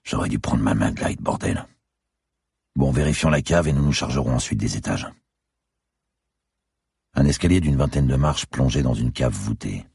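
A man reads a dark crime thriller in the first person at a measured, descriptive pace. His voice is extremely deep and gravelly, with a strongly husky texture. It is recorded close and dry, with no room sound. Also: dry recording. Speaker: audiobook narrator.

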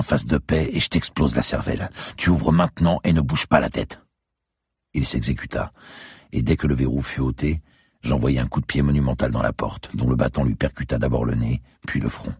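A man reading a first-person thriller audiobook in a grim, measured way. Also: very deep voice, darkish tone, breathy edge, no room sound, studio quality. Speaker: audiobook narrator. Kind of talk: scripted thriller narration.

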